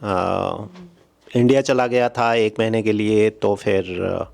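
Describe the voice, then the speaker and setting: A man chatting casually to the camera in his living room, relaxed and laughing easily. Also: lowish voice, takes it slowly, vocal fry. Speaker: father receiving a surprise. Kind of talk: casual family chat to camera. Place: living room at home, indoors.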